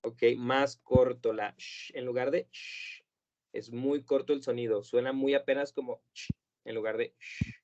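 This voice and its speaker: A male teacher explains pronunciation in a patient, measured way. He repeats model words slowly. His voice sits at a middle pitch, recorded with a dull, lo-fi quality. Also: fairly even intonation, darkish tone. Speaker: English teacher. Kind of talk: pronunciation lesson.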